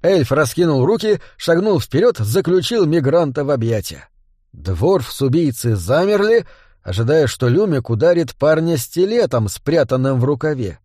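A man narrating an audiobook in a lively, expressive reading. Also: a little high, normal speed, dry recording, studio quality.

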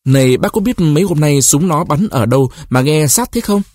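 A blunt peasant mother with a baby at her breast, cutting into the talk, as a man reading the story aloud puts her on. The voice is husky and close-miked, and the pitch jumps about. The sound is dry, as in an audiobook. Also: animated, moderate pace, a little mellow, no echo.

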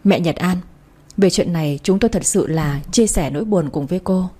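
A calm hospital doctor in a storybook reading, delivering news in a measured way, as a woman reader voices the part. The voice is mellow and husky. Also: medium pitch, natural voice.

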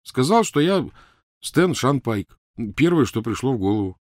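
A man voicing a teenage boy wizard who pleads loudly, blusters and tries clumsy jokes. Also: mid-range voice, very animated, normal speed, no room sound, studio quality, voice pushed up, lightly acted. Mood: explaining. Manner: loud, pleading, clumsy joking.

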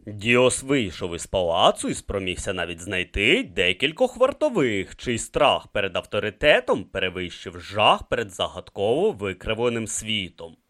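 A man narrating an audiobook with expressive, playful storytelling. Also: on the low side, moderate pace, few pauses. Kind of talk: scripted narration.

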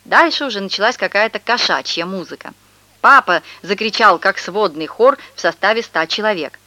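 Женщина выразительно читает детский рассказ. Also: female voice, medium pitch, moderate pace, no room sound. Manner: lively, expressive first-person storytelling. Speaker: audiobook narrator. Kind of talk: expressive reading of a children's story.

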